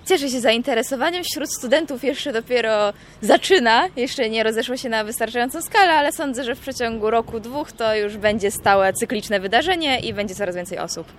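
A woman's voice: a little high, brisk, a little hiss or hum. A woman coordinating a poetry event, answering a reporter in an upbeat, explanatory way. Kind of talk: interview answers.

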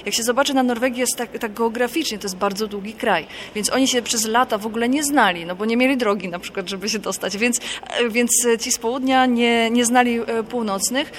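A woman from Poland, a guest author, answering interview questions in a thoughtful, explanatory and unhurried way. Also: a little high, a little hiss or hum.

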